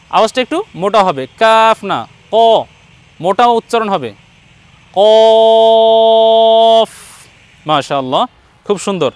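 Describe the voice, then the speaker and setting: A man's voice: high voice, a bit bright, no echo. A man with a Bangladeshi Bengali accent, teaching Quran letter pronunciation online and patiently repeating each sound for his students.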